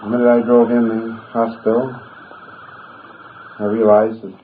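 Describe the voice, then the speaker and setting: A man's voice: on the low side, level tone, measured pace. A father recounting events in an interview, subdued and numb. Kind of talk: recorded interview testimony. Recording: tinny old recording with faint noise.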